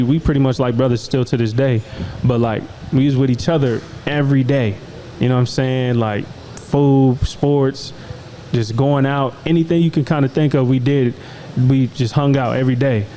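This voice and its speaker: A man's voice: mid-range voice, mellow, a little hiss or hum, low-quality recording. A young man from Iowa hosting a podcast, talking in a laid-back, slangy way and often asking "you know what I'm saying". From Des Moines, Iowa. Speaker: podcast host. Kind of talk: casual conversation.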